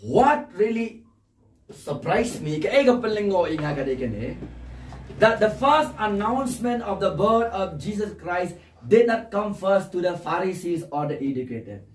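Man preaching loud and repetitive, really high voice, picked up from way back in a roomy church. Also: animated, moderate pace. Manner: emphatic preaching, repeats key phrases, bursts into shouts. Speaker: pastor. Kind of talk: sermon. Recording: echoey room, mic far off.

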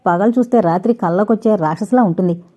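A woman's voice: mid-range voice, quick pace, mellow, close to an everyday voice. Teasing young man, as a woman reads him. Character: playful scheming young man, a son.

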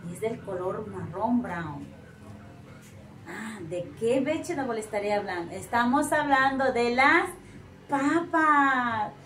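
Slow-talking high-voiced woman teacher. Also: pushed and bright. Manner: slow, drawn-out modeling of words for children to repeat. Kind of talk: bilingual English lesson for children. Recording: echoey room, voice from far off, faint noise.

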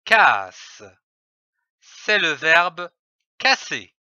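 A man teaching children to read, sounding out syllables slowly and with careful articulation. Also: high-pitched, no room sound, lo-fi sound. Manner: slow, carefully articulated, lively intonation. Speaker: reading teacher. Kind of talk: slow syllable-by-syllable reading lesson.

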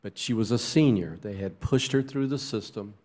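A middle-aged man with a somewhat low voice speaks to a church congregation about his years as a teacher. His delivery is halting and heartfelt, full of small restarts and fillers. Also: darkish tone. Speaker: teacher sharing a testimony. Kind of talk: personal testimony at a church service. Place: church sanctuary.

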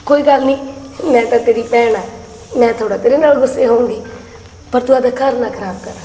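Grieving young widow, played by a woman; gentle, pleading, a touch high, set in a reverberant room with soft music. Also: brisk, a little hiss or hum, lightly acted. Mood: sorrowful. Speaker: actor in a short film. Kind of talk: melodramatic short-film acting. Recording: echoey room with long reverb.

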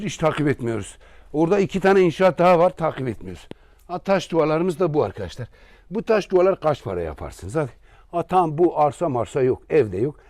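A man's voice: a little high, a little mellow, long reverb tail. A man with an Aegean Turkish accent giving a rambling, joking property tour as a real estate agent. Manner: rambling, joking asides to viewers. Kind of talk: casual property tour vlog. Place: walking through a house and garden.

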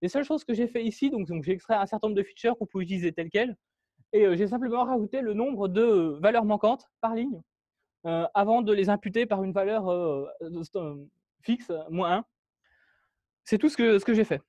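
A man's voice: high-pitched, fairly quick, a little mellow, no echo, highs cut off. A man giving a technical talk at a meetup, walking through code with many fillers and restarts. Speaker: meetup speaker. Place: meetup room.

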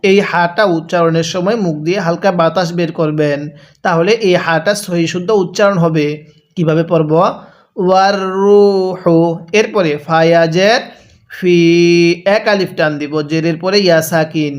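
High-voiced man teaching slow recitation. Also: fairly even intonation. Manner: spells letter by letter, then drawls each phrase slowly for students to repeat. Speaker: Quran reading teacher. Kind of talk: step-by-step recitation lesson.

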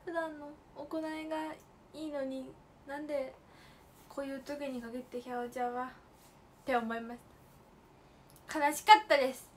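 A woman's voice: high-pitched, little pitch movement, normal speed, pauses often, a little hiss or hum. A young woman in her late teens hosting a casual livestream, telling stories with playful, emphatic asides and mixing polite speech with slang. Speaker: idol livestream host.

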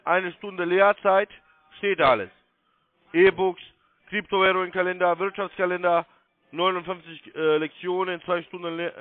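A high-pitched man acting as a call centre sales agent presses the caller with repetitive, step-by-step directions. The recording is dry, and the phone line is muffled and narrow-band.

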